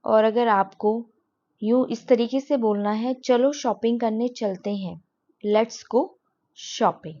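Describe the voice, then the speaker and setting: A woman teaching English on her channel, with a fairly high but mellow voice. She explains patiently and says each example sentence slowly. The recording sounds dull and lo-fi. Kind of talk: spoken English lesson.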